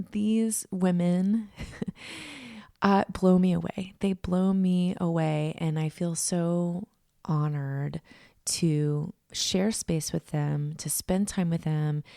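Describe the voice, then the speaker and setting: A woman hosting her own podcast, talking earnestly and thinking aloud in an unhurried way with her morning voice not yet warmed up. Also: low-pitched, creaky, dry recording, studio quality. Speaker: podcast host and inner voice coach. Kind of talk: reflective solo podcast talk.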